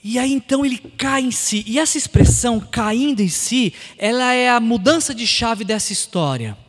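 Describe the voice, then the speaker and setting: A man preaching a sermon, impassioned and building to loud, emphatic peaks. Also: extremely high pitch, lively intonation, moderate pace. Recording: long hall reverb.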